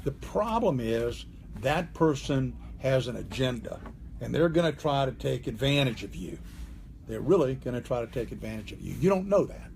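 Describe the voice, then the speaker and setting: A man's voice: mid-range voice, sing-song, normal speed, gravelly, a little mellow, a little hiss or hum. A man, a criminal defense attorney, explaining a legal matter in a conversational way, often checking in with the listener. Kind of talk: direct-to-camera legal explainer.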